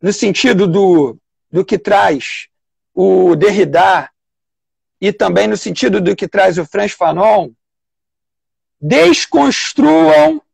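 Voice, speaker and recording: A public defender with a Brazilian Portuguese accent gives a live online lecture, explaining step by step while pausing to think and restarting phrases. His voice is high, creaky and husky, with no echo.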